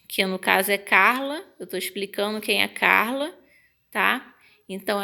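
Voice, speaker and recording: A woman teacher with a Brazilian Portuguese accent walks her students through punctuation in an unhurried, patient way, often checking in with them. Her voice is bright and a little gravelly, and she gives her example sentences lively intonation. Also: medium pitch. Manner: patient, explains step by step, checks in with "tá?". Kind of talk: online grammar lesson.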